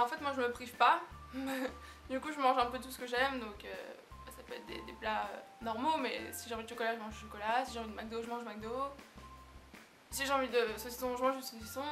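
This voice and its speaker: Young woman, vlogger, bright tone, relaxed and giggly. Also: fairly high pitch. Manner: chatty, relaxed, laughs often, many fillers. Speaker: beauty vlogger. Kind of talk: casual vlog answering tag questions.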